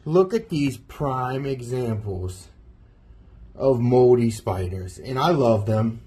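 An excitable man narrates phone footage inside abandoned houses, swearing nonstop. His voice is husky and breathy, and his pitch is about average. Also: slow pace. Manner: crude, excitable, heavy swearing. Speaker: social media creator. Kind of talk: profane vlog narration over phone clips.

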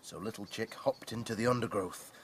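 A man's voice: on the low side, fairly bright tone, slight background noise. A man playing a grown-up storyteller figure in a children's show, reading a story aloud with gasps. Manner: slow, very sing-song storytelling with gasps.

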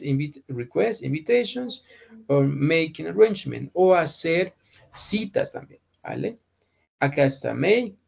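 A man's voice: a little high, creaky, husky. A male English instructor, explaining an assignment to his class and often checking that they follow. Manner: repeats words, checks understanding often.

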